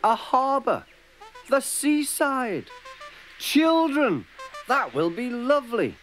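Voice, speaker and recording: A man voicing a gentle old traction engine, eager and easily delighted. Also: mid-range voice, very animated, unhurried, music in the background, voice pushed up. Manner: eager, sighing, childlike joy.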